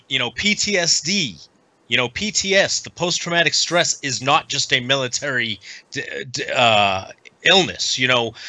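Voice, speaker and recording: Middle-aged man from the United States, podcast guest, earnest, halting delivery, very forceful tense tone, dry close sound. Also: mid-range voice, no echo. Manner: earnest, halting with frequent pauses. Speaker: guest, veteran nonprofit advocate. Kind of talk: casual podcast conversation.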